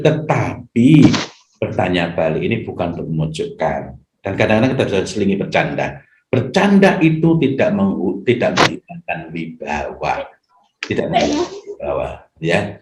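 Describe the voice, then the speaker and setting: Lively low-voiced man teaching in an echoey hall. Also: normal speed, noisy background. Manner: gentle, acts out parent-child exchanges, frequent hesitation fillers. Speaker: Islamic teacher answering parents' questions. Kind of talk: Q&A parenting talk.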